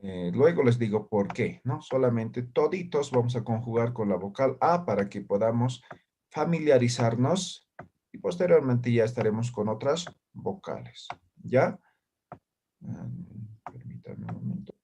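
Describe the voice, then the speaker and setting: A man teaching a language class over a video call. He is patient, checks in constantly with short tag questions, and says practice syllables loudly and distinctly. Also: medium pitch, big pitch swings, measured pace, creaky, slight background noise. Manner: patient, ends phrases with "¿ya?" and "¿no?". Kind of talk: online class.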